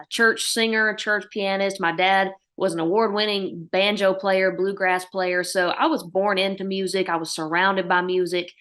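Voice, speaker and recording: Speaking at medium pitch, a thirty-something country musician from Oklahoma answers interview questions in her Oklahoma accent, bringing a lively, folksy, storytelling flair.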